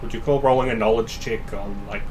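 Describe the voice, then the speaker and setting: A man's voice: lowish voice, steady tone, brisk, a little mellow, slight background noise, poor audio. A man playing a tabletop game, chatting casually and hesitantly as he thinks through his moves. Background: music.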